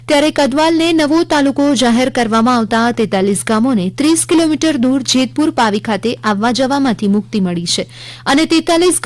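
A woman with a Gujarati accent reads a scripted radio news bulletin in a measured, formal manner. Her voice sits high, and the studio recording is dry and close, with no room sound. She keeps an even, official tone. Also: no echo. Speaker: news reader.

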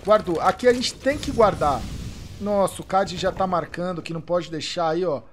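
A Brazilian man giving excited live commentary on a competitive shooter match, swearing and shouting at big plays. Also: sits high, moderate pace, a little hiss or hum. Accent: Brazilian Portuguese. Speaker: esports streamer commentator. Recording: live stream with game gunfire behind.

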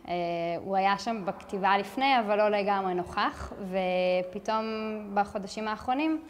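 A woman of middle pitch speaks casually about making her film, with long reverb trailing off her words. A faint room hum sits behind her. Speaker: filmmaker, co-writer. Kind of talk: behind-the-scenes interview.

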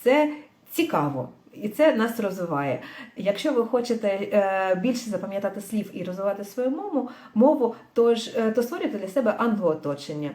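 Female language teacher, thoughtful, filler-heavy delivery, mid pitch, echoey room. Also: lively intonation, a little mellow. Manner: thoughtful, pauses with fillers, mixes in English words. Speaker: English teacher. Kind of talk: livestream language lesson.

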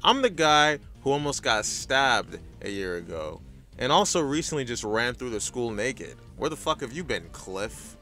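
A man's voice: medium pitch, big pitch swings, moderate pace, sharp tone, faint music behind. A man hosting a recap video with casual scripted commentary, blunt, opinionated and sweary.

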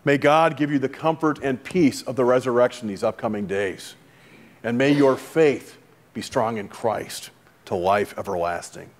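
A middle-aged man speaking as a pastor at a funeral, reading liturgy and prayers in a solemn, measured, formal way. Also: mid-range voice. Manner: solemn, measured, formal delivery with falling phrase endings. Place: large church sanctuary, indoors before a congregation. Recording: reverberant church hall.

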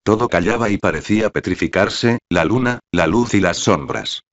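Very deep-voiced man narrating an audiobook. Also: lively intonation, normal speed. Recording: dull lo-fi recording.

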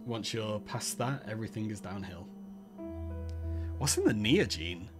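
A man's voice: fairly low pitch, expressive, unhurried. A man with a Mancunian accent hosting a gaming stream, reading a text adventure aloud with chatty, self-mocking asides. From Manchester, England. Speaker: host, palaeontologist. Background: background music.

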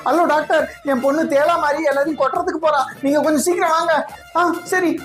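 A woman's voice: high-pitched, fairly even intonation, fast, loud music behind the voice, close to an everyday voice. A woman voicing a timid, cowardly father in a cartoon who dithers nervously. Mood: soothing.

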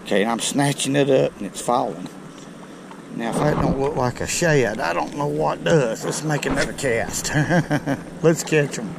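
A middle-aged man, chatting to viewers in a folksy, excited way while fishing from a riverbank, recorded on a chest-mounted camera outdoors. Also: mid-range voice, a little slow, gravelly, background noise. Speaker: fishing video host. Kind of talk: casual outdoor commentary. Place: outdoors on a rocky riverbank below a dam. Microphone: chest-mounted action camera.

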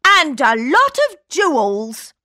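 A woman's voice: high-pitched, big pitch swings, slow pace, sharp tone, dry recording, clean studio sound, voice pushed up, heavily acted. Woman playing a wishful storybook mother. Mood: wistful. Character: hopeful mother wishing for riches.

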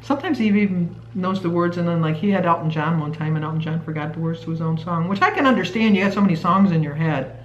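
A woman's voice: fairly low pitch, fast, hardly any pauses, slight background noise. A woman in her sixties chatting casually on a home vlog, rambling with lots of fillers. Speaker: vlog co-host. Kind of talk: casual chat. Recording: roomy, dull lo-fi sound.

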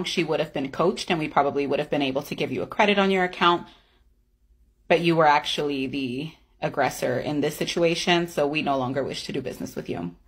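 A composed escalations manager , played by a woman, who stays polite while turning firm and pointed. Her husky voice sits somewhat low.

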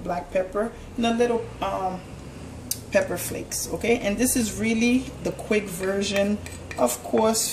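A cooking channel host with a medium-pitched voice and vocal fry chats through a casual demonstration in her home kitchen, explaining each step as she cooks. A camera mic across the room picks up echo and background noise.

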